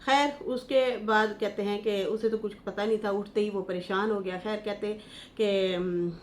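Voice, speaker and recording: A woman's voice: mid-range voice, fairly even intonation, a little slow, a little hiss or hum. A woman from Pakistan hosting online gossip news, talking through a family scandal with emotion, scolding and retelling what others said. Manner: impassioned, scolding, recounts others' words.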